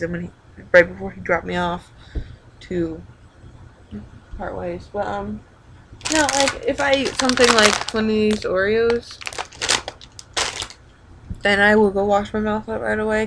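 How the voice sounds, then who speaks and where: A young woman talks to her viewers in a casual, rambling video diary. Her voice sits at an ordinary pitch with a gravelly fry. She halts and doubles back as she goes, over faint background noise. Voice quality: creaky vocal fry. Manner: rambling, halting, informal with frequent backtracking. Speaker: vlogger.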